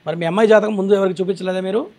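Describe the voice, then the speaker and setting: High-pitched fast-talking male astrologer. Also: fairly even intonation, dark tone. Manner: authoritative, lecturing, keeps asking for agreement. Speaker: astrologer on a call-in show. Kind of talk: call-in astrology consultation.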